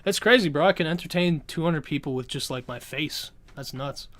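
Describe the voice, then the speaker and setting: Slightly high and a bit bright, this young Canadian streamer's voice comes through fairly quickly, with no room sound at all. Chatting from home, he's laid-back and profane, rambling along and restarting often.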